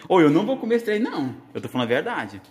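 A Brazilian man hosting a casual vlog, excitable and repeating his words insistently. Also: sits high, very fast, a crowd in the background. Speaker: vlog host. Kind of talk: casual vlog chat and commentary. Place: covered outdoor kitchen area with bare walls. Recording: reverberant bare tiled room.

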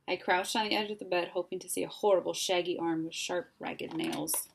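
Woman reading a children's story, gravelly. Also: on the low side, fairly quick, slight background noise. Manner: expressive, storytelling. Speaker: reader. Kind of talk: children's story read-aloud.

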